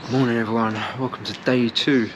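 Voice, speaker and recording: A man's voice: medium pitch, flat delivery, brisk, muffled recording. A man talking casually to camera outdoors, explaining things as a running vlogger. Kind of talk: casual vlog talk to camera. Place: outdoors on city streets. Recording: outdoor urban traffic noise.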